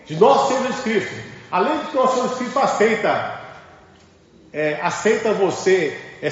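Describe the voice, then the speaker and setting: Guy giving a spiritual class, high lively voice, keeps asking the room questions, big echoey hall. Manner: emphatic, asks the class rhetorical questions. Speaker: spiritual teacher. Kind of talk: religious class lecture. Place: large temple hall. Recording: echoey hall with dull lo-fi sound.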